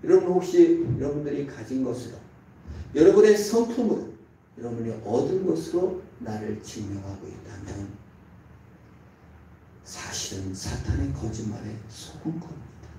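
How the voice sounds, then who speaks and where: A man's voice: expressive, normal speed. A male pastor giving an emphatic sermon in a church, voice rising and falling sharply for stress. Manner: emphatic preaching with sharp rises in pitch and volume. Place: church sanctuary. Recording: very echoey church from far off, faint noise.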